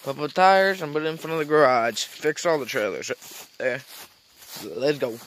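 A man's voice: moderate pace, a bit bright, a little hiss or hum. A teenage man filming a casual farm vlog on his phone, rambling as he shows off the barn, the animals and a trailer. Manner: rambling, talks to the animals in a high baby voice. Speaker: farm vlogger. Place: outdoors on a farm and in an open wooden barn. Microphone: phone camera held at arm's length.

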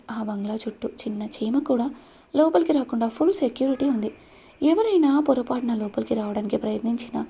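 Woman, story narration, dark mellow tone, husky, voices each character. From India. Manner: voices every character herself, lifting pitch for quoted lines. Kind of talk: read-aloud love story narration.

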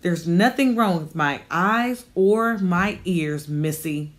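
A sharp-tongued old lady of eighty-eight, as a woman reads her out in an audiobook, drawing out each clipped, scolding word slowly and loudly. Her voice sits a little higher than the reader's own low tone and carries a stern, disapproving bite.

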